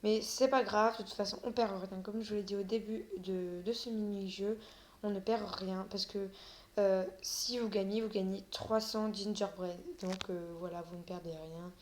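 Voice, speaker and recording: A woman's voice: medium pitch, steady tone, moderate pace, a little mellow. Woman stammering through game commentary. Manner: stammers often; hesitant, many fillers. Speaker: gaming video creator. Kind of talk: casual gameplay commentary.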